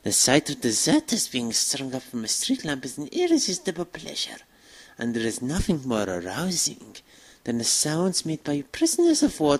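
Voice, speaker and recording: A fan dub performer voices a war-loving vampire commander in a low, husky tone. Her grandiose, savoring delivery swings widely in pitch like a fanatical orator rallying troops, an ecstatic, relish-filled theatrical anime villain monologue.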